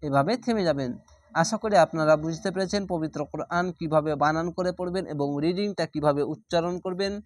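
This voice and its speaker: Man for a recitation lesson, patient spelling of each syllable, then the drawn-out word, in a dry, close sound. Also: fairly high pitch, no room sound. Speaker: Quran reading teacher.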